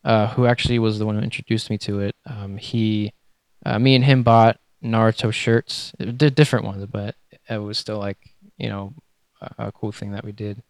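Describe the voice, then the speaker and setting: A young man co-hosting a podcast, telling a story in a rambling, hesitant way that trails off quietly. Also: fairly low pitch, fairly even intonation, moderate pace, clear, resonant tone, no echo. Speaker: podcast co-host. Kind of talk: casual chat.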